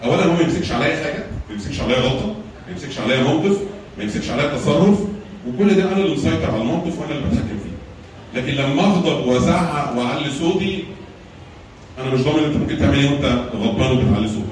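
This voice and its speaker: A man's voice: a little high, expressive, racing, a little mellow, a little hiss or hum. Egyptian guy doing a church talk on anger, asks questions and repeats himself, mic far away and lots of echo. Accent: Egyptian Arabic. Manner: teaching with rhetorical questions and repeated phrases. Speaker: church lecturer. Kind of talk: talk on anger management with slides. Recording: very echoey room, mic far off.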